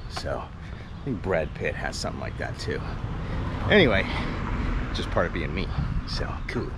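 A creaky, low-pitched male voice with a sing-song lilt and measured pace. The man, a vlogger in his forties, chats to himself, rambling and joking through a casual walking tour on a sunny residential street, filmed on an arm's-length action camera. The recording carries outdoor street noise with ambience and passing cars.

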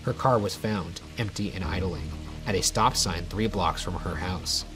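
A young man hosting a show, reading a horror story in a measured way and chatting wryly in a dark studio. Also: low-pitched. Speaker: host and story reader. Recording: music playing underneath.

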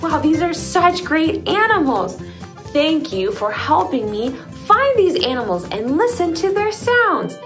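A woman's voice: high-pitched, soft background music. A young woman hosting a toddler learning video, speaking in simple, exaggerated, wonder-filled phrases as if reading to a toddler. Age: young adult. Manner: animated, slow, simple child-directed talk with exaggerated wonder and animal sounds. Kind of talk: playful toddler speech lesson, as if reading to a toddler.

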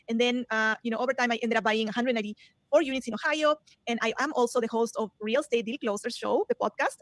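Fast-talking woman from Peru, presenting. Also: fairly high pitch, dry recording. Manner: fast, eager, with many fillers. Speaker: real estate investor presenter. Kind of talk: webinar presentation. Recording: sped-up recorded webinar.

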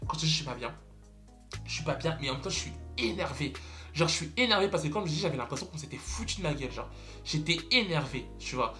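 A man's voice: on the high side, lively intonation, fast, pushed and bright, soft background music. A young man telling a story to camera in a casual vlog, dramatic and exclamatory, repeating words for emphasis. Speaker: vlogger.

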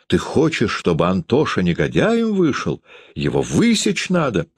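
A man voicing a shrill, flighty, vindictive mother who screams at her family in an audiobook reading. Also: huge pitch swings, takes it slowly, husky, no echo, heavily acted. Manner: shrieking, screaming.

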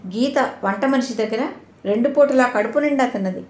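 A woman voicing a bold, caring young woman who looks after the children, speaking gently and reassuringly. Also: on the high side, moderate pace, lightly acted. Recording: roomy echo.

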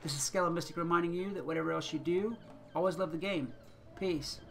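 A man's voice: fairly high pitch, brisk, gravelly, over music. A man giving casual, chatty commentary on his own gameplay, thinking aloud and chuckling often as he plays. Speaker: gaming channel host.

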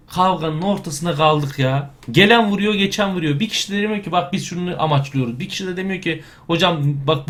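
A young man doing casual let's-play commentary, excitable and trash-talking, often breaking into shouts. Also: on the high side. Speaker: gameplay commentator.

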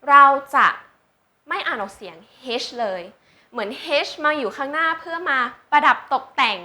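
A woman's voice: high voice, lively intonation, moderate pace, pushed and bright. A woman tutoring beginners in English, patient, asking learners questions and drawing out example words for them to repeat. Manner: patient, checks understanding with questions. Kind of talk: slow teaching with example sentences.

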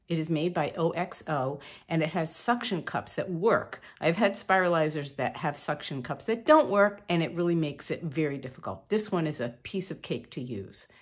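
Low, husky-voiced woman chatting through kitchen prep. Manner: chatty, upbeat, explains each step. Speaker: cooking channel host. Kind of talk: casual cooking voice-over. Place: home kitchen.

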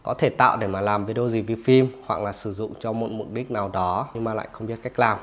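A man hosting a phone tutorial, explaining each step casually and often pausing with "rồi" between steps. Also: fairly low pitch, steady tone. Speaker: tech tutorial host.

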